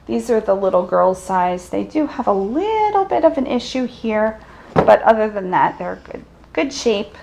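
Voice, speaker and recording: Gravelly-voiced woman chatting about thrift finds. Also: medium pitch, very animated, normal speed, a little mellow, a little hiss or hum. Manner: chatty, describes items and sizes, laughs easily. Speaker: thrift reseller and channel host. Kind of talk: casual haul chat.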